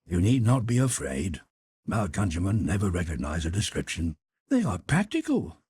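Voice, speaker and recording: A man with a deep, darkish, slightly rough voice reads a novel aloud in a clean studio recording with no echo, his voice pushed up and huge pitch swings at normal speed. In full character, he plays a cynical, worldly middle-aged English lord who languidly drawls clever epigrams.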